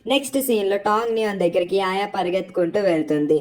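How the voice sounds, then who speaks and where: A woman narrating and retelling a drama episode in a brisk storytelling manner. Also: mid-range voice, a little mellow.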